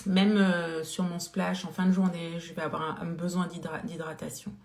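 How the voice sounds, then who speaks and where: With a lowish, darkish voice that barely moves in pitch and a normal pace, the beauty live-stream seller casually demos products, filling her talk with fillers and greeting viewers by name. There's a roomy echo on the audio.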